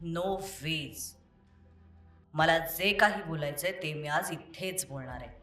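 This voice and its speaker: A woman voicing an angry young man who confronts his deceitful ex-lover in an audio story, over soft music. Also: low voice, slow pace, pitched below the performer's own voice, full character voice. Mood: accusing. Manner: accusing, bitter and confrontational.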